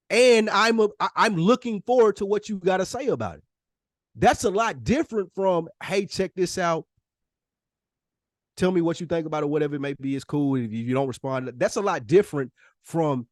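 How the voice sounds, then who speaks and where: An American man co-hosts a podcast, talking in a casual, slangy, emphatic way and often acting out imagined dialogue. His voice is fairly high, and the studio sound is clean with no echo.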